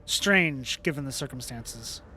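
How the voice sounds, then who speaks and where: A man's voice: mid-range voice, expressive, unhurried, bright, forceful tone, a little hiss or hum. A young man streaming a game, reading its text aloud with casual joking asides.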